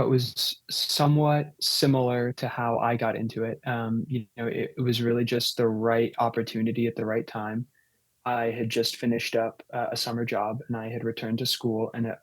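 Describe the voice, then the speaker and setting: A man of twenty-four talks casually on a podcast, loose and relaxed. His pitch stays flat, and the sound is dry and close. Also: dry recording. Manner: relaxed, with "uh" and "you know" fillers. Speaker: peer support worker, podcast guest.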